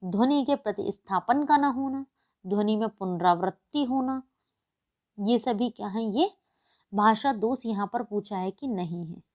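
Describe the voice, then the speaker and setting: A woman's voice: mid-range voice, measured pace, darkish tone. A woman teacher working through exam questions and answers, explaining each one patiently. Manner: explains patiently, repeats questions back to the class. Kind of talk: exam-prep lesson, reading questions and answers.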